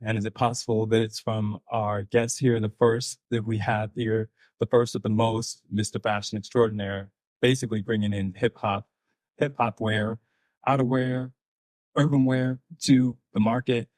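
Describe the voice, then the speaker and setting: An upbeat male talk show host welcomes his guest. His voice runs somewhat low, and the recording sounds dry and close. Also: flat delivery, moderate pace, darkish tone, dry recording. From Brooklyn.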